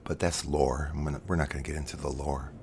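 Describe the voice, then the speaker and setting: Very deep, gravelly man rambling softly. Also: steady tone, quick pace, slight background noise. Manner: rambling, restarts and corrects himself, mostly quiet with loud bursts. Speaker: live streamer telling a sci-fi story. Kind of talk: rambling soft-spoken sci-fi lore narration, self-described ASMR.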